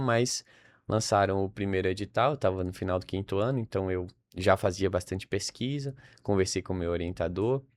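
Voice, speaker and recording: In a casual interview conversation, this young podcast guest from Salvador speaks with a Brazilian accent, musing aloud and frequently tacking on tag questions. His voice is low-pitched, with no room sound.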